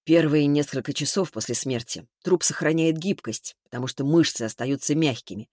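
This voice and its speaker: A man reading an audiobook, voicing a blunt expert man who explains things in a lowered, matter-of-fact way. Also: moderate pace, a little mellow, dry recording, studio quality, close to an everyday voice. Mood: explaining. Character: middle-aged man, dry, blunt medical expert. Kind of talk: audiobook character voice.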